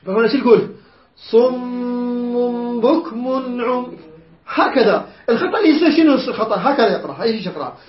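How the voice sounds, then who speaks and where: A man teaching a Quran recitation lesson, chanting verses slowly and quizzing his students. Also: high voice, big pitch swings. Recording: roomy, dull lo-fi recording.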